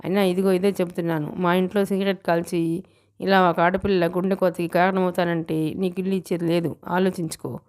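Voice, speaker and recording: A woman voicing a stern older male landlord who scolds gruffly in an audiobook story. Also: fairly low pitch, little pitch movement, brisk, darkish tone, lightly acted. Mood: indignant.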